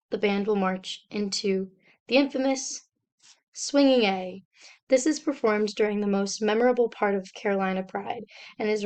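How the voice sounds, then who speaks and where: A young woman, a student, reading a slide presentation aloud in a steady, step-by-step explanatory way. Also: mid-range voice, clear, resonant tone.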